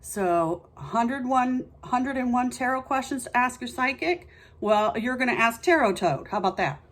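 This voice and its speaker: This tarot reader, a woman running a practice series, has a fairly high, animated voice and speaks at a moderate pace. Her casual vlog talk explains things informally as she thinks out loud.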